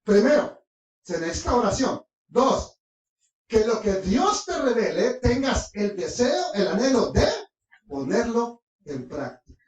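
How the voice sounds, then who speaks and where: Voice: very animated, measured pace, a little mellow. A preacher teaching scripture in a sermon, leading a prayer and putting questions to the listeners. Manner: asks the congregation rhetorical questions, swinging pitch widely. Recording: very echoey room, voice far from the mic.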